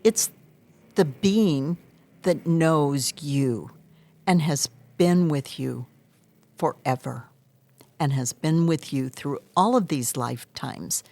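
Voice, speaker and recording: A woman with a low voice gives interview answers at a very unhurried pace. She explains things earnestly, in measured short phrases. The sound is dry and close. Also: darkish tone, no room sound. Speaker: hypnotherapist interview guest.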